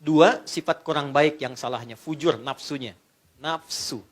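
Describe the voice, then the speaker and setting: A middle-aged man preaching a lively sermon to a live audience, asking them questions and joking along the way. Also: on the high side, a little slow. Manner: animated, asks the audience questions and jokes.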